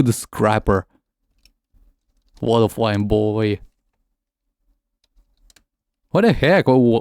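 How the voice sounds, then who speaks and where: Casual gaming stream chat from a man with a low, dark voice whose first language is Russian; he stumbles and repeats words often and flips between English and Russian. The sound is studio quality with no room sound.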